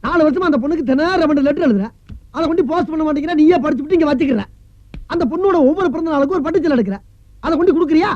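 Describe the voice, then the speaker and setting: Super high-pitched comic tenant, rattles off fast, dry dull film audio. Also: male voice, darkish tone. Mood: scolding. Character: mocking talkative male tenant friend. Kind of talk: Tamil film comedy dialogue.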